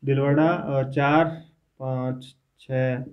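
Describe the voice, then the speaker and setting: A man teaching a geography class in a casual lecture style. He dictates lists and repeats each name slowly for his students. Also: mid-range voice, steady tone. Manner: talks informally to students while teaching. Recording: dull lo-fi classroom recording.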